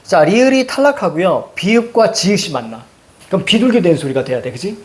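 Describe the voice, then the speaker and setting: A man teaching a Korean grammar lesson, peppering his explanation with quick questions to the class. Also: high-pitched. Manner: lively, rhetorical questions to students, frequent "자".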